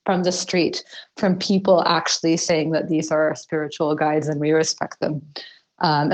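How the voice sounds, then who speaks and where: A woman, a research fellow, giving measured answers as a podcast guest, with occasional fillers and restarts. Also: lowish voice, darkish tone, rough recording. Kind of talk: explanatory interview answers.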